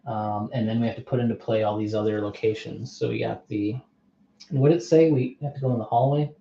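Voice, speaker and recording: His voice is medium-pitched, steady, fast and warm with vocal fry as he streams a board game, reasoning aloud, reading the cards' rules and asking viewers he can't see for input. It's casual play-through commentary recorded in a muffled, echoey room with slight hiss or hum.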